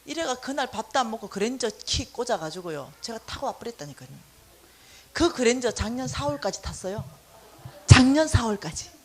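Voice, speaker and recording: A middle-aged woman giving a church finance lecture as lively storytelling, acting out dialogue with exaggerated voices. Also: a little high, a little fast, slightly rough. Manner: animated, acts out dialogue with exaggerated voices and laughs.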